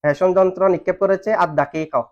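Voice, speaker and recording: Rapid-fire and steady in tone, a high-sitting male voice runs an Arabic grammar lesson. He questions the class and has students answer him, all captured on a dull lo-fi recording.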